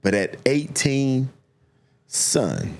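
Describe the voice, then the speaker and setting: A middle-aged man talking reflectively and conversationally about life, giving advice in a deliberate, emphatic way with repeated phrases for weight. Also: medium pitch, animated, darkish tone. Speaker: talk show speaker giving relationship advice.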